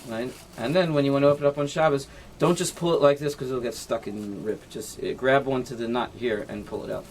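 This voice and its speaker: A rabbi's mid-range voice, fairly quick with fairly even intonation, leads an informal halacha class against slight background noise. He walks through knots step by step and demonstrates them with his hands as he talks. He checks understanding with "right?" and weaves in Hebrew and Yiddish terms.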